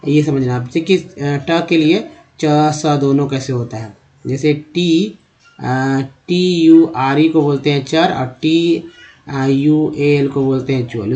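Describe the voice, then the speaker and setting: A man teaching English reading in Hindi. He spells words out letter by letter, sounds them slowly and calls his viewers friends. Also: a little high, darkish tone.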